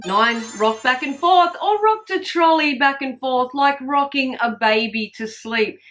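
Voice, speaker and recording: An Australian woman in her forties reads out a countdown of everyday embarrassments with blunt, sweary candour. Her voice sits high and sounds bright and forceful. She drops in dry, wry asides between the numbers. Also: low-quality recording. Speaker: vlogger. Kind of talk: listing funny confessions to camera.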